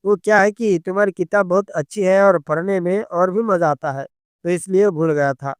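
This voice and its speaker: A man's voice: high voice, normal speed, clean tone, no room sound, lightly acted. A man voicing a coaxing, teasing husband in a storybook tale, pleading with his wife.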